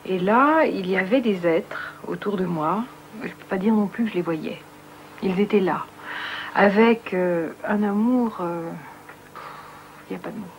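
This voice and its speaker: A woman giving a personal testimony, halting and searching for words, often repeating herself. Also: medium pitch, a little hiss or hum. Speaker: near-death experience witness.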